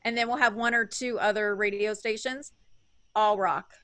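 A woman's voice: medium pitch, steady tone, moderate pace, sharp tone. A woman hosting an interview in a casual, chatty way, laughing easily. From lives in Wyoming. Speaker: interview host.

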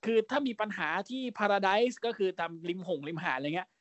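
Guy in his 30s cohosting a podcast, talks super fast, brash, swears a lot, dry close sound. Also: sits high, clean tone, no echo, highs cut off. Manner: brash and animated, swears freely and drops quick mock impressions. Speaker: podcast co-host. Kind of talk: casual podcast chat.

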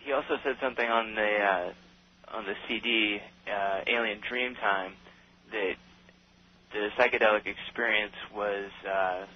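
Husky man arguing over the phone. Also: lowish voice, fairly even intonation, measured pace. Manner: argumentative, pushing his point. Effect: voice heard over the phone line. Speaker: radio call-in caller. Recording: dull lo-fi phone audio.

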